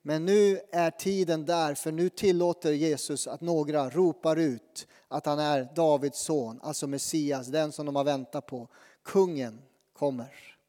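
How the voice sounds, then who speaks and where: A man preaches in an earnest, conversational way, restarting phrases as he thinks aloud. His voice sits on the high side for a man. A long church reverb trails after his words. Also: fairly even intonation, mellow. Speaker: pastor. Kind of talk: sermon with prayer.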